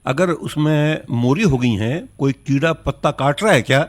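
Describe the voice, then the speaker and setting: A man's voice: a little high, expressive, normal speed. A North Indian man giving courteous, instructive advice as an expert on a phone-in, repeating key points. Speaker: agriculture expert.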